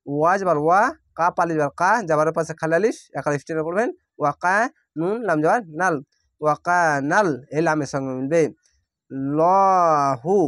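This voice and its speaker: A man teaching Quran reading, spelling out each syllable slowly and then blending it into the word. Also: fairly high pitch, dry recording, clean studio sound. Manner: draws out recited words very slowly. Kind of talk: slow letter-by-letter recitation lesson.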